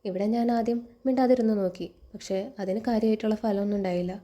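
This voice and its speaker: Woman doing a defiant young housemaid, firm, measured, mellow voice. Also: mid-range voice, close to an everyday voice.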